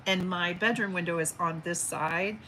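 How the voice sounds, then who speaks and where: Sitting at home beside an open window with birds outside, a woman in her forties hosts a casual livestream and reads viewer comments chattily and affectionately in a big teacher voice, often using fillers and restarting. Her voice is on the low side, steady, pushed and bright, at normal speed. Slight background noise can be heard.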